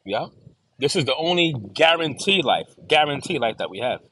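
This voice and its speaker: Earnest man repeating himself, slightly high. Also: very animated, moderate pace, bright, forceful tone, dry recording. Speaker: interview guest. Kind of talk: casual video-call chat.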